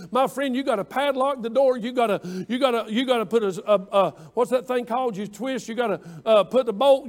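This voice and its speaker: Man, pastor, very high voice, emphatic repetitive preaching, church sermon. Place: church sanctuary.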